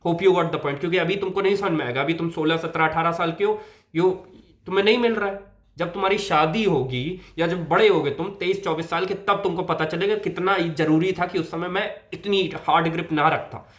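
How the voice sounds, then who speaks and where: A man's voice: a little high, fairly quick, fairly bright tone. A young man from India giving blunt, casual advice straight to the viewer, mixing English into his talk. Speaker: men's health creator. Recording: roomy echo.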